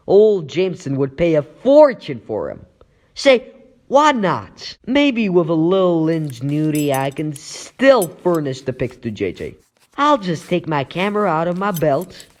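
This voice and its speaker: A man playing a plucky, wisecracking young superhero in a comic dub, animated and quippy. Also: a little high. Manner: quippy, animated, thinking aloud.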